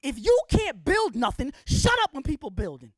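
A middle-aged woman lecturing with fire and bluntness, her high voice leaping all over as she throws out rhetorical questions. The sound is dry and close, with almost no room around it. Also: huge pitch swings, normal speed, no room sound. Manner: fiery, preachy, full of rhetorical questions; blunt, colloquial. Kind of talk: impassioned public lecture.

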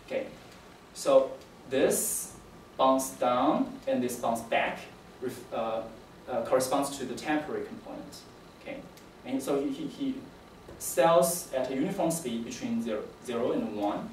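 A young man presents academic work in a hesitant, stop-and-start way, often repeating words. His voice is mid-pitched and picked up from a distance in an echoey seminar room, with faint noise. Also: unhurried. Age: young adult. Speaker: PhD candidate presenting. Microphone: distant camera microphone.

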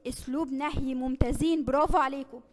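Egyptian woman, primary teacher, fast and high, slight room reverb, quizzes kids as she explains. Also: steady tone. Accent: Egyptian Arabic. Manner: warm, coaxing teacher tone with many rhetorical questions. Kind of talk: recorded online lesson for children.

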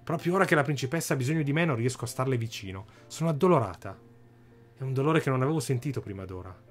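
A man voicing a loyal female knight general, reading her sorrowful lines quickly in his own voice. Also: medium pitch, expressive, soft background music, close to an everyday voice.

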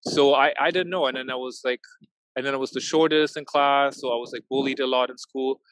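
A man in his thirties, a tech founder from Norway and Germany, speaks as a guest in an informal interview by video call, sitting outdoors at a marina. He talks a little fast in a fairly bright, medium-pitched voice with fairly even intonation, hesitating often and restarting with fillers. The recording has no echo but is low in quality.

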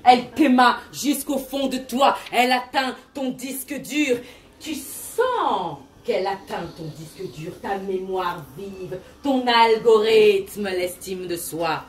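A stand-up performer plays a grandiose self-esteem coach, preaching in mock-solemn call-and-response and mixing in English jargon. Her mid-range voice is expressive and slow, wrapped in a big, resonant, cathedral-like echo. The mic sits far off in an echoey room at a large resonant venue, with slight background noise.

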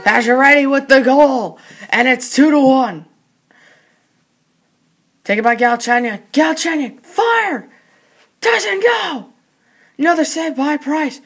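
A commentator calling frantic mock hockey play-by-play in short clipped bursts, excitable and quick to raise the voice. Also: high-pitched.

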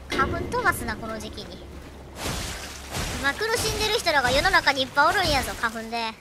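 A woman with a Kansai accent giving excitable, chatty, joking commentary while playing a video game. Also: sits high, fast talker. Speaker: game streamer. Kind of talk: let's play commentary. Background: loud game music and sounds.

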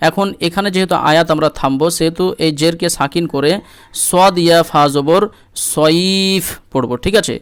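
Man, patient Quran tutor; high, smooth voice, dry close sound. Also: no echo. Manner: slow syllable-by-syllable spelling, drawn-out melodic recitation. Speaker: Quran recitation teacher. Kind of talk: spelling-and-recitation lesson.

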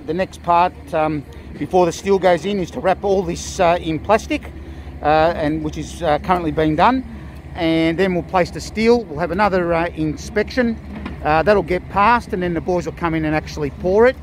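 Australian builder, higher voice, halting. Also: male voice, a little hiss or hum. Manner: plain-spoken, many ums and uhs, halting restarts. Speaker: builder giving a site tour. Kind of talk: casual walkthrough explanation. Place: outdoor construction site. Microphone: handheld phone camera.

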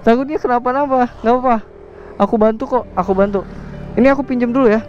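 A man's voice: extremely high pitch, fast talker, darkish tone, a little hiss or hum. A young man vlogging by a roadside on his motorbike, talking in casual slang and soothing someone with repeated reassurances. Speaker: motovlogger host. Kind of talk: casual roadside vlog talk. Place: outdoors by a roadside. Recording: dull lo-fi sound with faint music.

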